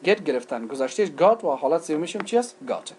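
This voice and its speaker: Lively Afghan man teaching English. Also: fairly high pitch, a little hiss or hum. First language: Dari. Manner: mixes Dari with English, asks and answers own questions. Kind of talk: recorded lecture.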